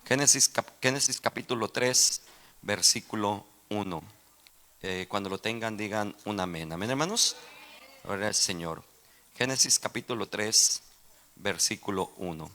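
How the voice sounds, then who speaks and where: A man preaching a sermon as pastor in a church, asking for amens and putting questions to his congregation, rising from quiet teaching to loud fervent exclamations. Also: lowish voice, unhurried. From Texas. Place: church sanctuary.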